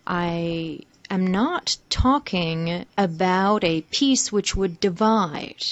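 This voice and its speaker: Slow-speaking female live interpreter. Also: on the low side, no echo. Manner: slow, measured, pausing between phrases. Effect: live interpreter voice over a speech. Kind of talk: simultaneous interpretation of a speech. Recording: dull lo-fi broadcast feed.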